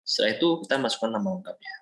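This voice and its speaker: A young man from Indonesia, a student, explaining a software project step by step in a screen-recorded walkthrough, often pausing with fillers. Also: fairly low pitch, slight background noise, low-quality recording. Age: young adult. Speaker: student presenting a project demo.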